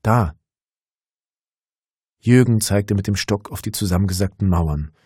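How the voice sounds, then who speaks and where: Guy reading a story out loud, calm and measured, kinda husky, deep-ish. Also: no echo, clean studio sound. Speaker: narrator.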